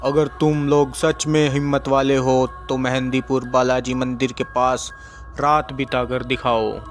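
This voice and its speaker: A man's voice: medium pitch, flat delivery, unhurried, natural voice. A man doing a daring young challenger. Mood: taunting. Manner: taunting challenge. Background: music.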